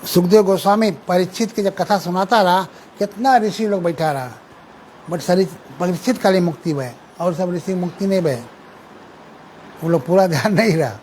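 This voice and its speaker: High-voiced male preacher. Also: normal speed, darkish tone, slight background noise, poor audio. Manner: explains patiently, recites Sanskrit verses, checks that listeners follow. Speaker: preacher lecturing on scripture. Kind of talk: sermon.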